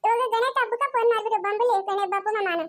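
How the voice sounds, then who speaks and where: A woman's voice: very high voice, fairly even intonation, very fast, no echo, voice pushed up. A woman voicing a bossy little girl who pesters her grandmother with whiny, demanding questions, in a Chikkaballapur Kannada accent. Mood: pestering.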